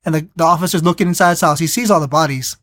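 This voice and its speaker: A podcast co-host in casual chat, recapping a movie in a rambling, animated way and acting out the characters' lines. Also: mid-range voice, rapid-fire, no room sound. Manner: animated storyteller, acts out quotes; rambling with restarts.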